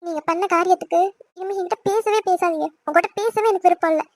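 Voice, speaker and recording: Woman as scolding young cartoon wife, squeaky-high and fast. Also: dry recording. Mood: hurt angry. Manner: indignant, scolding. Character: hurt, angry young wife. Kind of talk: fan cartoon voice acting.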